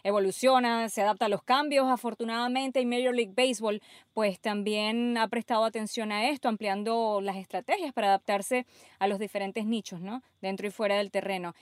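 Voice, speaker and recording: A woman's voice: on the high side, steady tone, brisk, no room sound, clean studio sound. Woman hosting a baseball radio show. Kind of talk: radio sports talk.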